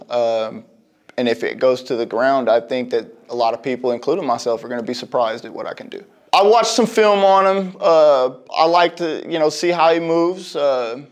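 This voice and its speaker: Earnest man in his thirties, a fighter. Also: medium pitch. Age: 30s. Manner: earnest, halting with fillers. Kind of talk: pre-fight interview.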